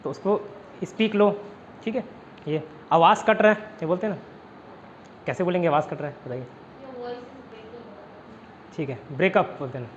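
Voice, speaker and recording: Male teacher, high-pitched and chatty, recorded on lo-fi audio with faint hiss. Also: moderate pace, long pauses. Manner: chatty, keeps checking in with students. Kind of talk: online class lecture. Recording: dull lo-fi audio with faint noise.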